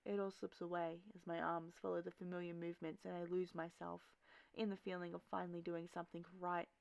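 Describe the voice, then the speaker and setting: A woman voicing a gravelly teen girl. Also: fairly low pitch, dry recording. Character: troubled teenage girl graffiti artist, restless. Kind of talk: first-person audio drama narration.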